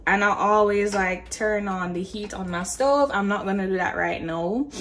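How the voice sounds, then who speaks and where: A woman in her twenties with a Jamaican accent chats casually while filming a cooking vlog in her home kitchen, her phrasing informal and tinged with Creole. Her mid-range voice is a bit bright, at a normal speed.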